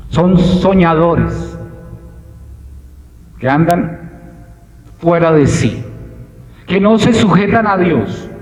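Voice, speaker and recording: A man preaching a verse-by-verse Bible exposition, emphatic and repeating his key phrases. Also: high-pitched. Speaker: pastor. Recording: echoey hall.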